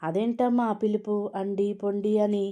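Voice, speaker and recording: An insistent middle-aged mother-in-law who coaxes and presses her point, read aloud by a woman. The tone is mellow and warm, and it is the voice of a storybook reading. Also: medium pitch, steady tone, normal speed, close to an everyday voice. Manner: coaxing and pushy.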